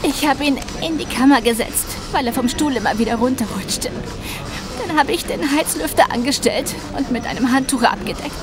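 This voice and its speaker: A woman with a high, natural voice talks at normal speed over music, with noisy ambience behind her. She acts the part of an anxious, devoted young carer in a German audio drama, sounding earnest, hesitant and distraught.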